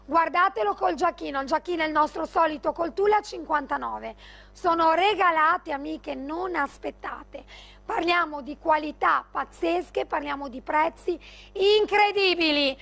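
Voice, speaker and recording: High-pitched woman giving an infomercial pitch. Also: normal speed, gravelly, fairly bright tone. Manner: emphatic, gushing, urging viewers to buy. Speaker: TV shopping host. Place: TV shopping studio.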